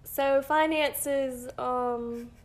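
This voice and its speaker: Speaking extremely slowly with fairly even intonation, a young woman in college co-hosts a faith-based podcast in a relaxed, chatty way. Her high voice is nasal from sinus congestion, and frequent giggles break up her talk.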